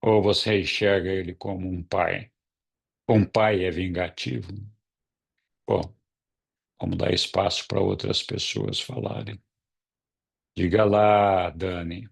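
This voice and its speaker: A man in a casual group discussion, speaking calmly and reflectively and posing questions to the listener. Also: low voice, slow pace, vocal fry, long pauses, breathy edge. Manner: calm, reflective, asks questions. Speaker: study group member leading the turn-taking.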